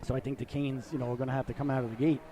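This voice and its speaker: On an amateur hockey broadcast, a middle-aged play-by-play man with a cold keeps up a chatty, rambling call, joking with the audience and sniffling now and then. His medium-pitched voice is warm and level but very fast, with slight background noise.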